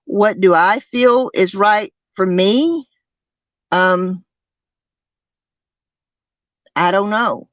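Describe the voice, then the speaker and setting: A person with a twangy Southern US accent, chatting casually to a livestream, haltingly and with repeated phrases. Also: medium pitch, fairly bright tone, no room sound. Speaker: livestream host. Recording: dull lo-fi sound.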